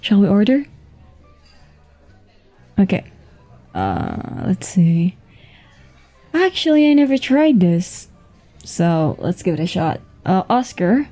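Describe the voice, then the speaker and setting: With music playing behind her, a voice actor in a mid-range, soft voice performs an intimate, one-sided ASMR roleplay. She plays a flirtatious, easygoing businesswoman on a date, sounding unhurried, giggly and casual.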